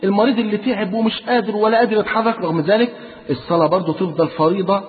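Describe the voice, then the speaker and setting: A man's voice: high voice, steady tone, very fast. A man preaching a sermon in an Egyptian Arabic accent, fervent and asking his listeners questions again and again. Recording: tinny phone-like sound in a reverberant hall.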